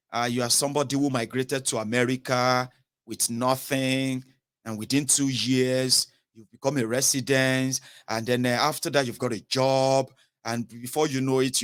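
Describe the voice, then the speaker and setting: A man's voice: medium pitch, fairly bright tone. A Nigerian man in his thirties with a southern Nigerian accent, speaking straight to the viewer in an emphatic political commentary and slipping into pidgin phrases. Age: 30s. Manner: emphatic, questions the viewer directly, mixes in pidgin. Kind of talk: direct-to-camera commentary.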